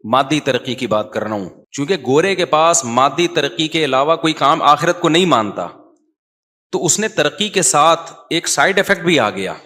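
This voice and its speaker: A man's voice: fairly high pitch, lively intonation, sharp tone. A man in his forties from Pakistan, a mufti giving a conversational religious lecture to a live audience over a microphone. He wanders off on tangents and chants Arabic verses before explaining them.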